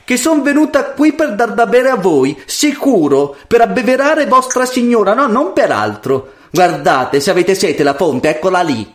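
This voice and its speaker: A haughty, lazy girl from a storybook, played by a male storyteller, her voice pushed high and loud. She sneers and snaps at everyone, full of sarcasm. She sounds spoiled and rude. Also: animated, moderate pace, few pauses. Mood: sarcastic. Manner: sarcastic, snappish.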